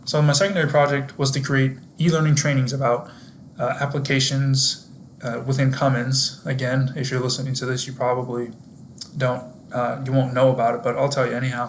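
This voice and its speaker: A man's voice: mid-range voice, slight background noise. A young man presenting his internship work in a scripted video, explaining things to viewers directly in an upbeat, friendly way. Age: young adult.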